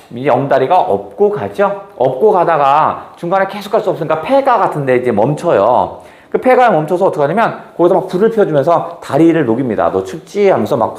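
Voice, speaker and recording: A man's voice: fairly high pitch, roomy sound. A man teaching a literature lesson and acting out the scenes as he goes. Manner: animated, acts out scenes. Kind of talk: literature lecture.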